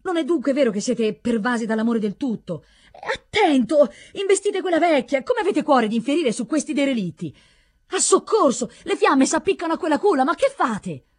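A woman voicing a young, idealistic male knight novice who pleads and shouts in distress. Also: fairly high pitch, animated, brisk, few pauses, voice pushed up. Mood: anguished shouting.

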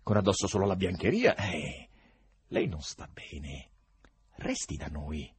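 A man voicing a calm middle-aged male doctor who speaks low, slow and quietly, with a husky voice, in an audiobook. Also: exaggerated voice. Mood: soothing.

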